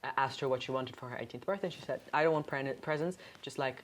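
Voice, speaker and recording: A woman's voice: very deep voice, fast. A woman in her twenties from Germany, co-hosting a podcast and telling a long, rambling story full of fillers and restarts. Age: 20s. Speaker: podcast co-host. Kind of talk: casual chat.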